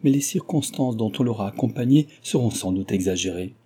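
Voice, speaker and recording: A man's voice: fairly low pitch, animated, brisk, warm tone, slightly rough. A man voicing a distressed young heiress in a storybook reading, with an anguished, tearful delivery. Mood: sorrowful.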